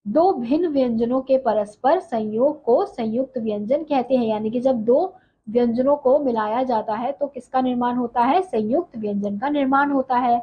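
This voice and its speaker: A woman's voice: on the high side, moderate pace. A woman teaching a Hindi grammar lesson, spelling out letters and example words one at a time and asking rhetorical questions she answers herself. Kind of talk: slow explanatory lesson. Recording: slightly dull recording with faint ambient noise.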